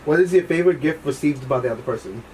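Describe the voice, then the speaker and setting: A man asking interview questions in a relaxed, teasing way. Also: on the high side, fast. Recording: distant mic with faint background noise.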